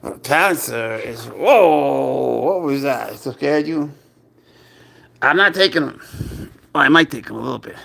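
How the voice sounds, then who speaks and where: A man's voice: medium pitch, lively intonation, unhurried, creaky, fairly bright tone. A man hosting a casual live stream, chatting playfully and talking doting baby talk to his pet, laughing often.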